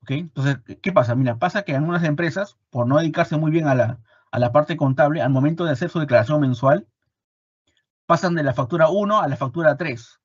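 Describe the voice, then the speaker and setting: A man with a Peruvian Spanish accent teaching an online class, animated and repeating his points with rhetorical questions. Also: on the high side, fairly quick, no room sound, muffled recording. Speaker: instructor. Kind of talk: online lecture.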